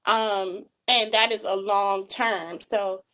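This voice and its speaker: This woman, in her twenties and from Georgia in the US, gives a slide-based webinar, earnest and full of filler ums. She speaks slowly at a medium pitch with fairly even intonation, her voice pushed and bright, and the recording is rough.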